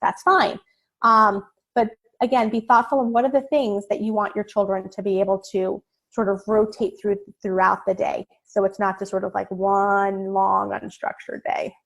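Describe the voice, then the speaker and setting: Calm, reassuring woman psychologist. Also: mid-range voice, normal speed, creaky. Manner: calm and reassuring, with frequent "um" and "right?". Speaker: child psychologist giving a parenting webinar. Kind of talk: informal webinar talk.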